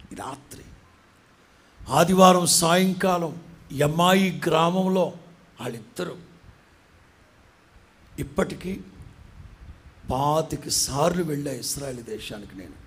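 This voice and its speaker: A man's voice: on the high side, lively intonation, unhurried, long pauses, breathy edge. An Indian man preaching as a pastor, who acts out the voices of the people in the story. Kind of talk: sermon. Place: church.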